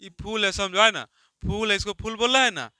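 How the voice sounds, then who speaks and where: A man's voice: high-pitched, fairly quick, pushed and bright, clear, resonant tone, no echo, studio quality. A male teacher giving a classroom lesson, constantly asking questions and answering them himself.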